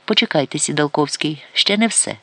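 A man's voice: fairly high pitch, expressive, fairly quick, creaky, bright, forceful tone, dry recording, full character voice. A man voicing a reproachful, teasing woman who confronts her evasive suitor in an audiobook, with a raised, pleading tone.

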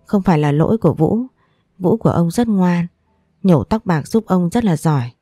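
Woman voicing a kind older grandfather, reassuring, low, mellow, dry close sound. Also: expressive, normal speed, no room sound, soft background music. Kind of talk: storybook reading.

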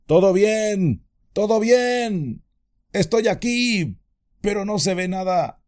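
A man's voice: sits high, animated, slow, darkish tone, voice pushed up. A man voicing a young male hobbit in peril, calling out in a raised voice. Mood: frightened.

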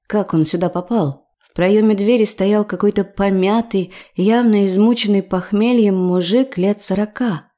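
Female audiobook narrator, first-person story read with expressive feeling. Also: mid-range voice.

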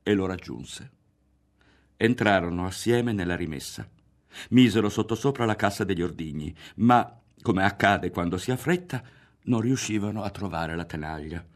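A man reading a literary novel aloud in a measured, expressive way, often dropping to a hushed tone. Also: sits low. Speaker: audiobook reader. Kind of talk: literary audiobook narration. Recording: faint music underneath.

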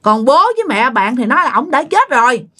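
A woman's voice: high-pitched, very animated, fairly quick, bright, forceful tone. Chatty woman storyteller. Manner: chatty, addresses listeners with fillers. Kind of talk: casual ghost story narration.

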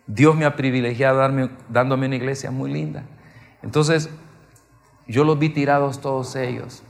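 A man preaching a sermon, telling stories with emphasis and swinging from soft to loud. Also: medium pitch, fairly even intonation, moderate pace, vocal fry, long reverb tail.

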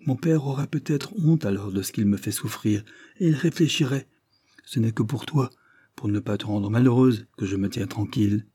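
A man's voice: lowish voice, moderate pace, dark tone, husky, no room sound, clean studio sound. A man reading an audiobook, voicing an evasive young husband who protests and reassures with forced cheer. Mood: agitated reassuring.

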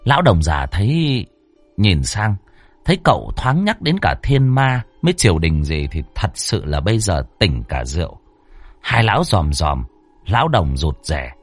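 A man narrating a ghost story in a casual, animated way. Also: deep voice, normal speed, dry recording. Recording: dry close mic, faint music.

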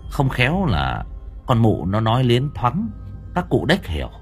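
A man narrating an audiobook in a lively, humorous storytelling manner. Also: medium pitch, a little slow. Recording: faint music behind.

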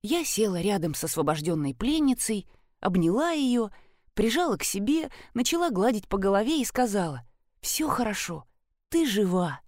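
A woman reads a first-person detective story aloud in a lively way, with wry asides. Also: mid-range voice, moderate pace, no echo, clean studio sound. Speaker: audiobook narrator. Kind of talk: scripted first-person narration.

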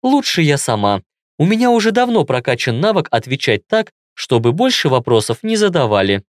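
Young wife, worried, quips to hide it; male narrator lifts pitch, dry close read. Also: sing-song, no echo. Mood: wry. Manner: teasing, brisk. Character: young woman, worried yet joking wife. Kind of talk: audiobook dialogue.

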